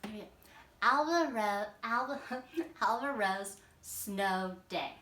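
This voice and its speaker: A woman's voice: medium pitch, animated, slow, bright, forceful tone, slight background noise. A woman teaching kindergarteners, patiently explaining a story step by step in a read-aloud lesson. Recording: echoey room, mic at a distance.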